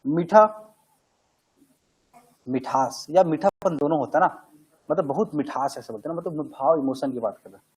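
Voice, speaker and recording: Male grammar teacher, high husky voice, asks and answers his own questions. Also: moderate pace, long pauses, darkish tone, rough recording. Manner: conversational, asks questions and answers them himself. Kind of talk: classroom grammar lesson.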